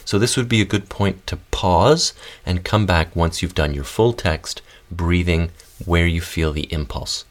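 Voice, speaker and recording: A man hosting a podcast voice lesson, calmly guiding listeners through breathing, fuffing and humming exercises. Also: sits low, unhurried. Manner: calm, guiding instructions with demonstrations. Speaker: voice and text coach.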